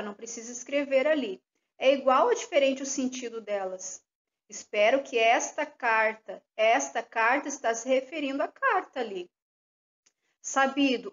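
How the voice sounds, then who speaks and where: A woman's voice: high voice, lo-fi sound. A woman teacher, giving a recorded lesson and explaining each step patiently with questions.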